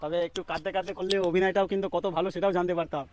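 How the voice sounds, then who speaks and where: A man, a local social media creator chatting outdoors in a jokey, playful way with a loud sing-song streak. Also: high-pitched, steady tone, rapid-fire. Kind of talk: casual chat with playful chanted rhyme. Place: outdoors by a riverbank.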